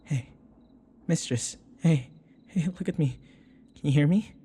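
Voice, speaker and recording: In an intimate audio roleplay, a man plays a devoted young human servant, speaking softly, haltingly, tenderly and pleadingly. He sounds worried and urgent, his fairly high voice carrying a breathy edge.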